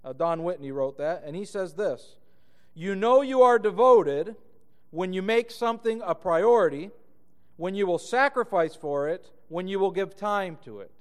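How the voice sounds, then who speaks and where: Emphatic pastor from Argentina, ringing hall. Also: male voice, high voice. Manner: earnest, emphatic, slows down to read scripture. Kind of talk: sermon.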